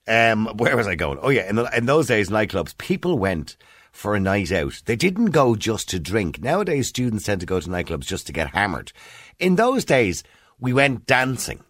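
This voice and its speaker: A man's voice: sits low, a bit bright, no room sound, clean studio sound. A middle-aged man with an Irish accent hosting a radio phone-in, reminiscing in a conversational, opinionated way with many digressions. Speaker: radio phone-in host, former DJ. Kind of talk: casual radio talk, reminiscing. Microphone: close studio microphone.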